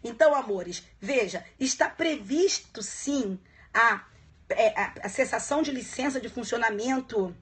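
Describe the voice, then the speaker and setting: A woman teaching law in a casual live-streamed exam review, checking in with viewers often and chatting warmly between points. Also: a little high, lively intonation, unhurried. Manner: chatty, warm asides to viewers, frequent "tá?" checks. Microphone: phone live stream.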